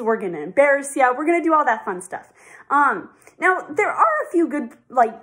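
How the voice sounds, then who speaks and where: A woman's voice: high-pitched, a bit bright. A teenage girl on a yearbook staff, giving an earnest, upbeat video address and reading a heartfelt speech. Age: teens.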